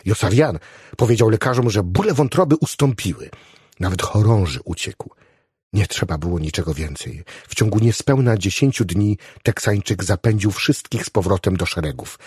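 A man reading an audiobook aloud in an expressive, storytelling manner. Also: lowish voice, moderate pace, husky, dry recording, studio quality. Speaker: audiobook narrator. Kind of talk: scripted audiobook narration.

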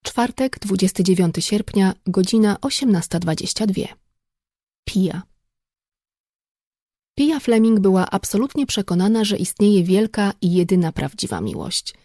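Woman audiobook narrator, steady storytelling, close mic, dry studio sound. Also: medium pitch, a little slow, dry recording. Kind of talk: scripted narration.

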